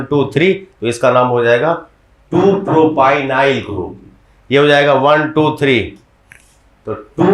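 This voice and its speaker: A male chemistry teacher giving a classroom lecture, explaining step by step and often putting quick questions to his students. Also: medium pitch, roomy sound.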